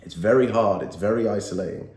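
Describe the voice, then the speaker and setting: Fast and a little mellow, this fairly low-pitched male voice belongs to a motivational YouTuber in his thirties who is nasal with a cold. His to-camera talk is earnest and emphatic, with key phrases repeated, captured in a room with noticeable echo.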